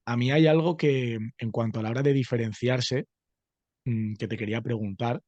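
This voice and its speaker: A man's voice: mid-range voice, fairly even intonation, normal speed, darkish tone, no echo, muffled recording. A man hosts a podcast interview with a mid-range voice. The recording is dry and close, with no room sound. He asks long, reflective questions and sets out his own view before turning it over to his guest. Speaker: podcast host.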